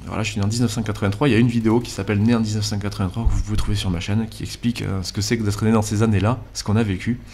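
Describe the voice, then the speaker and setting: Brief: twenties male gaming YouTuber, southwestern French accent, lowish voice, sincere and halting, cheap mic. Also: fairly even intonation, a little mellow. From Landes, southwest France. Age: 20s. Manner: earnest, hesitant with frequent "euh" fillers. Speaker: YouTube gaming channel host. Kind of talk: voice-over commentary over gameplay. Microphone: basic cheap microphone.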